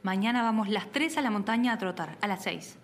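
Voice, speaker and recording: An actress playing a pious evangelical widow in a radio drama, speaking in a prim, churchy and wry way. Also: female voice, mid-range voice, animated, fairly quick, close to an everyday voice.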